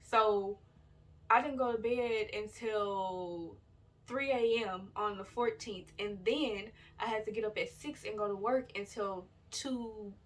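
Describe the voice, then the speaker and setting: A woman's voice: mid-range voice, slow. A chatty woman recounting her trip in a loose, rambling way, stopping to correct herself and talk straight to her viewers. Her voice sits in an ordinary middle register and comes across a touch distant from the device mic. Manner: rambling and loose, with many fillers and self-corrections; chatty and relaxed, addresses viewers directly. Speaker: vlogger. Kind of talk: casual storytelling vlog. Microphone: built-in device camera mic.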